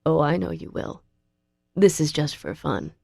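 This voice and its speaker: A woman's voice: low-pitched, expressive, a little slow, mellow, no room sound, clean studio sound, full character voice. A woman reading a sweetly sadistic male villain. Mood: mocking. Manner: smooth, mocking, falsely sweet. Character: giggling sadistic male fallen angel villain.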